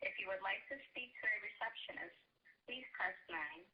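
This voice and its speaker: A woman's voice on a recorded phone menu message, reading options slowly and evenly over a phone line. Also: mid-range voice. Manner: slow, even announcer delivery. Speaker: automated phone system voice. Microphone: heard through a phone line. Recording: muffled telephone line.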